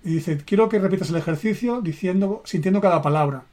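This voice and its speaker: Earnest Spanish-man, slightly high voice. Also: a little mellow. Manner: earnest, emphatic, with deliberate slow phrasing. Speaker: personal development coach. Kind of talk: motivational live stream talk.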